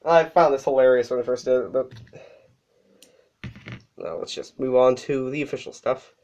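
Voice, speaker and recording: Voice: mid-range voice, normal speed, darkish tone. A toy reviewer talking casually through a hands-on review, sick and a little out of breath, with fillers and self-corrections. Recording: dull lo-fi recording.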